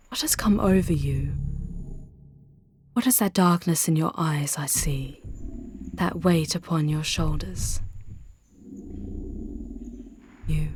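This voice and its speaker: A woman voices a protective, charming she-demon for an ASMR roleplay, speaking low, intensely, and theatrically in drawn-out, hushed phrases that often sink into whispers. She comes across as stern and concerned, and there's a bit of background noise.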